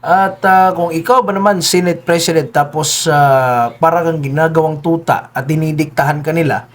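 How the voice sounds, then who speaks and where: A man's voice: fairly high pitch, steady tone, moderate pace. A man giving solo political commentary, speaking politely, with frequent hesitations, and often turning to his listeners with tag questions. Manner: keeps addressing listeners, tags lines with "no?" and "di ba?".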